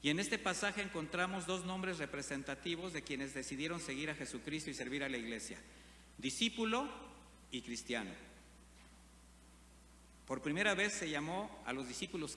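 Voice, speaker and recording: This male pastor speaks at a moderate pace in a fairly high, bright, forceful voice, peppering his congregation with rhetorical questions. The sermon echoes at length through a large church hall, backed by a faint hum.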